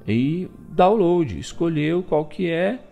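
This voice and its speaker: A man hosting a software tutorial, explaining each step and pointing things out as he goes. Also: fairly high pitch, expressive, slow, gravelly, muffled recording, faint music behind. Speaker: video tutorial host. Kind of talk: screen-recorded software tutorial.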